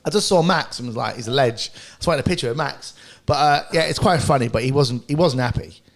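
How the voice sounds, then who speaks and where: A man, co-hosting a casual podcast chat and telling a story in quick, animated bursts. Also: medium pitch. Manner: fast, animated storytelling with swearing and laughter. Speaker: podcast co-host.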